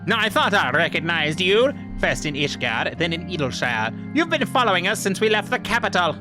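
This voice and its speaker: A man's voice: high-pitched, sing-song, moderate pace, music in the background, rough recording. A man voicing a stern, commanding elder from a video game, reading the dialogue theatrically. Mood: accusing.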